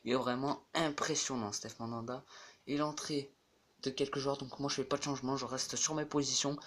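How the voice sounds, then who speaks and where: A man commentates his own football video game in a casual let's-play, his voice bright and forceful. He chants player names over and over and breaks into shouts when a chance comes. He speaks into a home gaming mic. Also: medium pitch, steady tone, fairly quick, a little hiss or hum. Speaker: gaming YouTuber.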